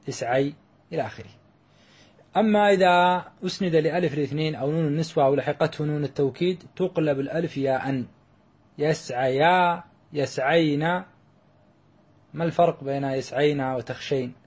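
A man's voice: on the high side, darkish tone, husky. A man teaching a grammar lesson, explaining step by step and drawing out the example words.

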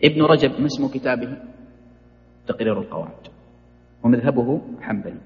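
A man's voice: mid-range voice, lively intonation, brisk, vocal fry. A man teaching Islamic jurisprudence in a classroom lecture, quizzing his students, praising their answers and correcting how they pronounce names. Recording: dull roomy hall recording.

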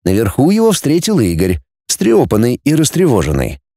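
A man's voice: mid-range voice, huge pitch swings, normal speed, warm tone, no room sound, studio quality. A man narrating a story expressively as an audiobook reader.

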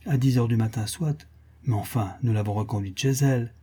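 Proud impatient marquise, read by a man, dark voice, husky. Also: mid-range voice, fairly quick, close to an everyday voice. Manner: indignant, impatient.

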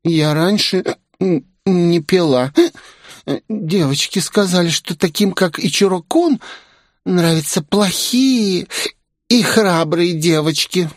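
A man's voice: sits high, slow, no echo, clean studio sound, pitched above the performer's own voice. A man voicing a tipsy, clingy young aristocrat girl in an audiobook, pouty and drunkenly affectionate. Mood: pleading, tipsy. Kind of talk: audiobook character voice.

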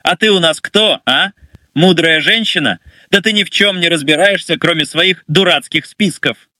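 Brief: male narrator doing a drunk, arrogant young mutineer who taunts everyone, in a bright, dry voice. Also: on the high side, normal speed, no room sound. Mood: taunting. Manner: sneering, taunting. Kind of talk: audio story narration.

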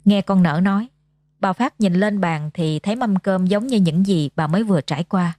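A woman with a Southern Vietnamese accent narrating a ghost story in a steady, dramatic reading. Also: medium pitch, moderate pace, dry recording. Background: soft background music.

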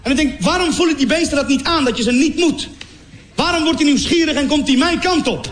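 High-voiced male comedian in an echoey venue. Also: fairly quick. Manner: animated, acts out scenes with sound effects. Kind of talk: stand-up comedy storytelling. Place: stage in a venue before a laughing audience. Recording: echoey venue with crowd noise. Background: audience laughter.

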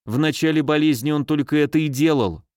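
Man doing a fussy woman nurse, mincing, scolding, raised pitch, dry sound. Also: fairly quick, darkish tone, dry recording, close to an everyday voice. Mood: chatty. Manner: mincing, scolding, shrill when scared. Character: fussy frightened woman nurse, middle-aged.

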